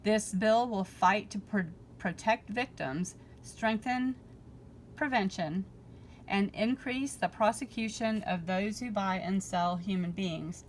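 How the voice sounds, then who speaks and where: Woman, casual political vlogger, reads and paraphrases with fillers, slightly worn voice, mid pitch, faint background noise. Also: takes it slowly, rough recording. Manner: reads aloud, then paraphrases with fillers and restarts. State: losing her voice. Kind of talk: casual commentary reading from a bill.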